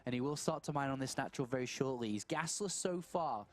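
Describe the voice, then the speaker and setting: Animated male esports caster, lively pitch. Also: fast. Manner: animated, thinks aloud in questions. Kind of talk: live game commentary.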